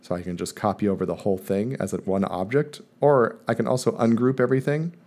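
A man calmly walking viewers step by step through a screen-recorded software tutorial, in voice-over. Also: fairly low pitch, fast talker. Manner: calm step-by-step explaining. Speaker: math teacher presenting a tutorial. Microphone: voice-over recorded over screen capture.

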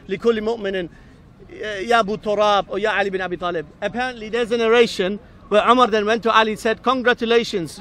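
A man in a lively street debate outdoors, addressing a crowd as brothers and sisters. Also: high-pitched. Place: outdoors at a public park.

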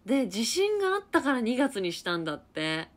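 Chatty young woman with a lively voice. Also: fairly high pitch, brisk. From Niigata, Japan. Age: 20s. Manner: chatty, reacts to comments, laughs often. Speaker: livestream host chatting with viewers. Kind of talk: casual chat.

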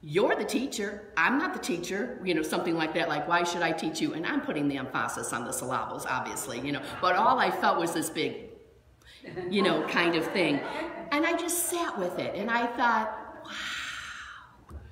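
A woman minister preaching from the pulpit in a chatty, storytelling way, her voice a little low for a woman. The sound is roomy, with a long hall reverb and a faint hum of ambience behind her. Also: fairly quick. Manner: chatty, animated storytelling with asides. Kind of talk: sermon. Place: church sanctuary.

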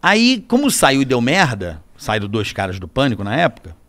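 A man's voice: medium pitch, moderate pace. A man from Rio de Janeiro with a Carioca accent, telling casual, swearing anecdotes as a podcast guest. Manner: animated, swearing, laughing anecdotes. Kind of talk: casual storytelling.

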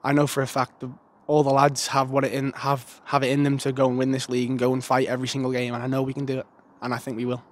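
Standing in a stadium stand outdoors with a handheld mic, this young footballer gives an earnest, casual post-match interview in plain words. He speaks fast in a mid-range voice with completely flat delivery and hardly pauses.

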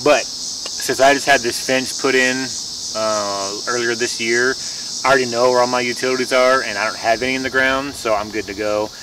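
A man's voice: medium pitch, fairly even intonation, normal speed. A young man in his twenties giving a rambling, folksy how-to talk about lawn care while crouching in his backyard, restarting his sentences often. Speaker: home lawn care vlogger. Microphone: camera mic on a tripod some distance away. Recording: distant camera mic outdoors with faint insect noise.

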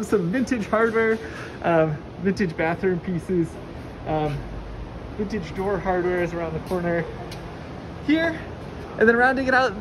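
Chatty woman giving a warehouse tour. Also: mid-range voice. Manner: chatty, enthusiastic, many fillers. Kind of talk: casual walking tour. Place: large indoor warehouse. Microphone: handheld phone camera, walking. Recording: noisy warehouse ambience.

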